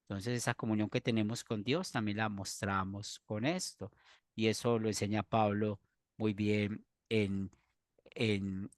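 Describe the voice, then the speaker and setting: A man, a pastor teaching a church doctrine class in an earnest, explanatory way with pauses and restarts. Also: mid-range voice, dry recording, studio quality.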